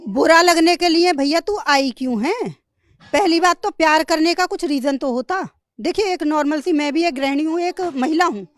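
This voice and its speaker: A housewife, speaking bluntly and boldly as an interviewee. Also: female voice, high-pitched, moderate pace, no echo. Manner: blunt, outspoken and bold. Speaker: interviewee, neighbor. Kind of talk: casual interview chat.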